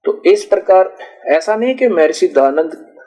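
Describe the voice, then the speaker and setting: A man's voice: high voice, expressive, unhurried, dark tone, soft background music, poor audio. A man preaching in a conversational storytelling way, acting out dialogues and often correcting himself mid-word. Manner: rustic, conversational, recounts dialogues with self-corrections. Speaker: spiritual preacher. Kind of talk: storytelling sermon.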